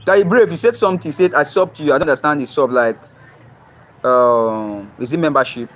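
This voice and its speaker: A young Nigerian man speaks brisk Nigerian English in a voice on the high side, livestreaming casually from his phone outdoors near home with the camera flipped toward his surroundings. He reads viewer comments out, answers them and often asks "you understand?".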